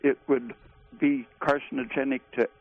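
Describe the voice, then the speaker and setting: Creaky-voiced man on a tinny phone line. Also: mid-range voice, little pitch movement. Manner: halting, frequent "uh" pauses. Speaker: guest expert on a call-in radio show. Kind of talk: call-in radio discussion.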